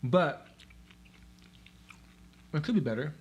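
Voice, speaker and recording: A man's voice: on the high side, animated, slow pace. A young man co-hosting a podcast in casual chat, easygoing and agreeable, often hedging. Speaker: podcast co-host.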